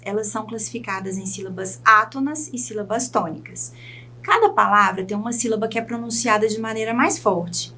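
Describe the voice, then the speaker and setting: A woman teacher with a Brazilian Portuguese accent giving a recorded video lesson, speaking clearly and dictating words slowly for students to write down. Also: medium pitch, fairly bright tone.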